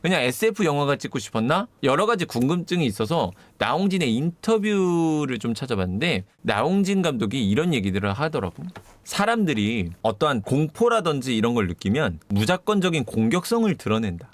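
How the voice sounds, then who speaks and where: A man's voice: mid-range voice, fairly quick. A man reviewing a film in a casual, slangy way, swearing and retelling the scenes. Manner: slangy, swears, acts out scenes in lively bits.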